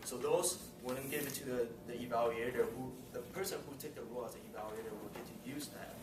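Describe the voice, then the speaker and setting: Talking fast in a medium pitch, a man leads a club meeting with chatty, friendly announcements broken up by little laughs. The sound is roomy and distant, with plenty of noise from the meeting room.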